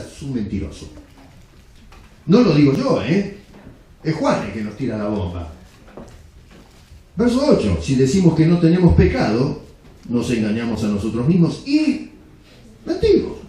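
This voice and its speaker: A man's voice: a little high, warm tone. A man preaching a blunt, emphatic sermon with rhetorical questions. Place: church sanctuary. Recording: very echoey church hall.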